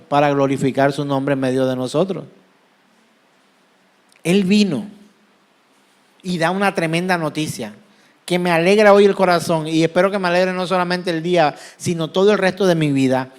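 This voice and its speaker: A man's voice: a little high, smooth. A man with a Colombian Caribbean accent preaching a sermon as pastor, asking the congregation questions and answering them himself. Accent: Colombian Caribbean Spanish.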